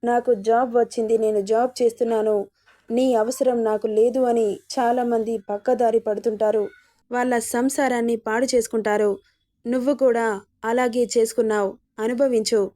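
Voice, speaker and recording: Storybook figure: a stern angry mother, read by a woman, raised pitch, mellow tone. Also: steady tone, normal speed, natural voice. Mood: scolding. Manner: harsh scolding.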